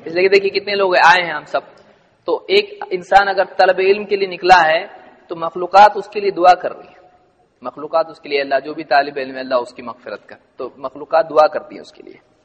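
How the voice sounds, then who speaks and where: Male religious teacher, high voice, long hall echo, quizzes the room with rhetorical questions, unpacks word meanings one at a time. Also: fairly even intonation, highs cut off. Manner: asks the audience rhetorical questions and answers them; explains word meanings step by step. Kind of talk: hadith lesson to a gathered audience.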